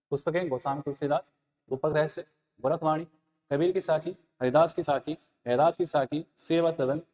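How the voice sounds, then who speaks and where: A man's voice: on the high side, a little mellow, in a large hall. A man teaching an exam-prep lesson, repeating key points and quizzing listeners with rhetorical questions. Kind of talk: Hindi exam-prep lesson, explaining answers.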